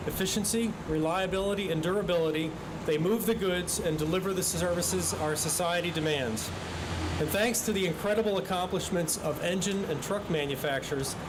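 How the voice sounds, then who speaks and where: A man giving a formal, prepared welcome speech as the host of a press conference. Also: high voice. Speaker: executive director hosting a press conference. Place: outdoors on a public street. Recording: outdoor street with loud traffic noise. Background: clear traffic noise.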